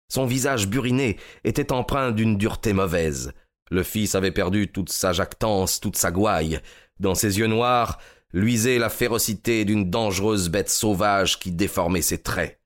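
Guy reading a story aloud, low voice, calm and measured. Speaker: narrator. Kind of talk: audiobook narration.

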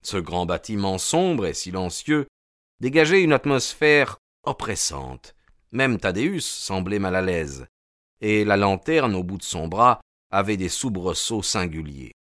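Male audiobook narrator, measured storytelling, low voice, dry close recording. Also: big pitch swings, a bit bright, no echo.

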